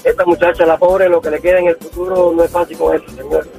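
A man's voice: fairly high pitch, level tone, fast, vocal fry, darkish tone, soft background music. A man phoning in to a radio show, emphatic and swooping up on key words. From Cuba. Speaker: radio caller. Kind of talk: phone-in comment.

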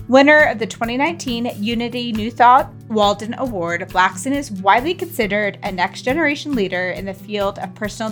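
An enthusiastic woman hosts a wellness podcast, her voice sitting at an ordinary middle pitch. She reads a polished intro with upbeat warmth, and faint music plays underneath. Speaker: podcast host. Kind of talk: scripted podcast intro and ad read.

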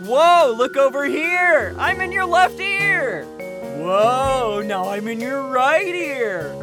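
A man's voice: extremely high pitch, slow pace, music in the background. Give me a playful man whose voice pans side to side between the ears. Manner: playful, teasing, excitable. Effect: voice panned side to side between left and right ears. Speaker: podcast host reading credits.

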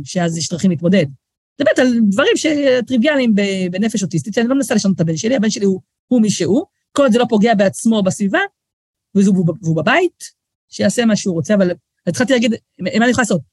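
Animated woman telling stories. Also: medium pitch, slightly rough, no echo, clean studio sound. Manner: lively storyteller, acts out quoted voices, frequent restarts. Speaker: guest author. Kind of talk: casual podcast conversation.

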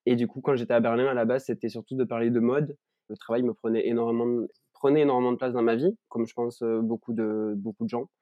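A man in his twenties with a southern French accent, a guest on a remote podcast, speaking thoughtfully with many pauses and restarts. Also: mid-range voice, steady tone, no echo, narrow, tinny audio. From southern France, Ariège. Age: 20s. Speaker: guest, content creator. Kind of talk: reflective conversational storytelling. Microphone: remote recording.

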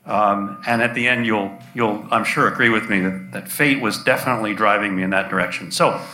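Older male storyteller, bright and forceful, playful with the crowd; low-quality echoey live stage recording. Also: steady tone, fairly quick. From United States. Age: 60s. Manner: conversational and playful, with audience asides. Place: stage before a live audience.

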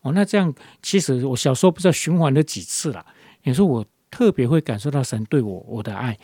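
A man's voice: medium pitch, lively intonation, fast, warm tone, slightly rough, dry recording, clean studio sound. A man leading a casual devotional talk, rambling with many fillers and restarts. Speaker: devotion leader.

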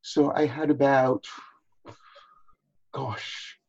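An older man from Barbados, over 60, reminisces as an interview guest, repeating phrases for emphasis. His medium-pitched, darkish voice barely moves in pitch and is extremely slow, and the recording sounds muffled.

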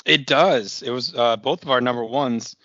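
A man with a hoarse, raspy, worn-out voice, talking casually as a podcast co-host. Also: mid-range voice, normal speed, fairly bright tone, dry recording, dull audio. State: hoarse, voice nearly gone, throat-clearing. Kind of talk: casual conversational podcast talk.

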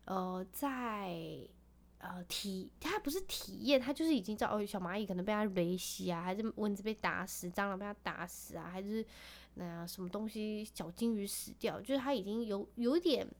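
A woman's voice: mid-range voice, moderate pace. A woman in her thirties hosting a podcast, chatting casually and tenderly about family life, laughing often. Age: 30s. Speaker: podcast host. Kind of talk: casual chat.

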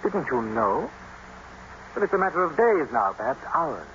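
An actor playing a grave, concerned family doctor, solemn and deliberate, in 1950s radio drama style. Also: male voice, medium pitch, big pitch swings, fairly bright tone. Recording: dull old radio broadcast, faint noise.

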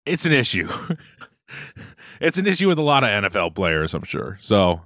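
A man's voice: fairly low pitch, very animated, moderate pace, a bit bright, dry recording, clean studio sound. A man with a Boston accent co-hosting a casual podcast chat, rambling with repeated words and frequent laughs. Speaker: podcast co-host. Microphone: headphones, remote call.

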